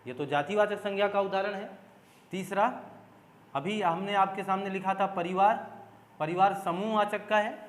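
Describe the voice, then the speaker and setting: A man teaching an exam-prep grammar lesson, explaining step by step, repeating key points and putting questions to his students. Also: high voice. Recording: echoey room with long reverb.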